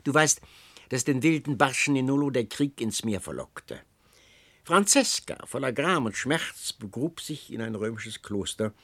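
A man reading aloud, voicing an old counselor who persuades with ornate, flattering speech, in a storybook reading. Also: mid-range voice, a little slow, dry recording. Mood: confiding.

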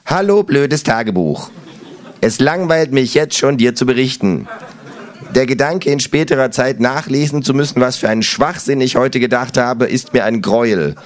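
A man's voice: mid-range voice, moderate pace, lightly acted. A man voicing a smug, cheeky know-it-all kangaroo in a read-aloud story, with a dry, mocking manner. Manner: dry, mocking, self-satisfied.

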